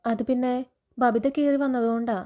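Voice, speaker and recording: A woman reading the lines of a timid young woman from an orphanage, in a soft, hesitant way. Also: a little high, steady tone, moderate pace, natural voice.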